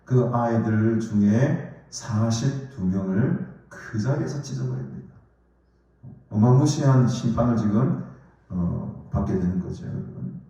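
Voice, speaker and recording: A man's voice: lowish voice, animated, unhurried, dark tone. A man preaching a sermon as a pastor, putting questions to the congregation and using many fillers. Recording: echoey hall, far from the mic, dull.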